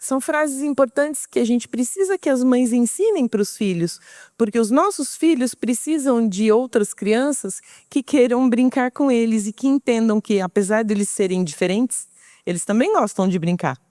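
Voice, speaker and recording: A woman's voice: on the high side, moderate pace, mellow, no echo, clean studio sound. A middle-aged woman with a Brazilian Portuguese accent, giving an informal talk and explaining patiently, often asking and answering her own questions.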